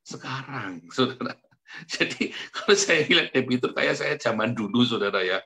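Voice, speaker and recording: A man preaching a sermon in an easy, conversational way, as if chatting with the congregation and often turning to address them directly. He laughs at himself as he goes. His quiet asides give way to sudden loud outbursts. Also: mid-range voice, lively intonation, moderate pace, vocal fry. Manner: self-mocking, laughs as he talks. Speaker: pastor.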